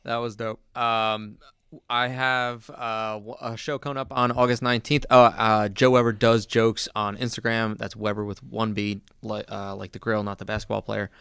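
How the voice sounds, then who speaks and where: Comedian guy cohosting a podcast, super clear bright voice, dead dry sound, lots of ums. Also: fairly low pitch, normal speed, no echo. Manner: relaxed, rambling plugs with fillers. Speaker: podcast co-host and stand-up comedian. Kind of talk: casual chat.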